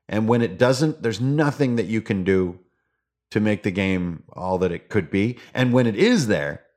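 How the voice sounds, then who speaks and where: Low-voiced, playful man hosting a podcast. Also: expressive, measured pace, a little mellow. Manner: playful, theatrical, slangy. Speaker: podcast host. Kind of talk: casual, rambling tabletop gaming podcast talk.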